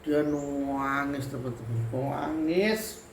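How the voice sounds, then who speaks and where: A woman's voice: sits low, takes it slowly. A middle-aged woman tells a spooky true story in a chatty way, often turning to her listeners. Her voice carries around a roomy space, with a faint hiss underneath. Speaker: spiritual healer telling her experiences. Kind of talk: casual spoken horror storytelling. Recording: roomy room with faint noise.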